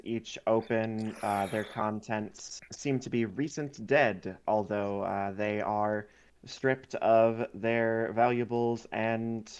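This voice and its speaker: A man runs a tabletop game, describing rooms and fights at an unhurried, drawn-out pace. His voice is smooth and clear, though the recording sounds a little dull and lo-fi. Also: lowish voice. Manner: unhurried, descriptive with frequent fillers. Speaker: game master.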